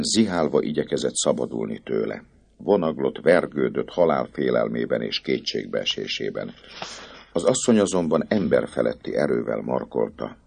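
A man narrating a dramatic story in an expressive audiobook reading. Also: extremely low pitch, vocal fry, breathy edge. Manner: expressive, rising and falling with the drama.

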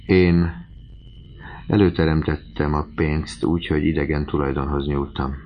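A man's voice: very deep voice, steady tone, a little hiss or hum. A man voicing a distraught young countess who confesses in a pleading, breathless way. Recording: slightly muffled lo-fi recording.

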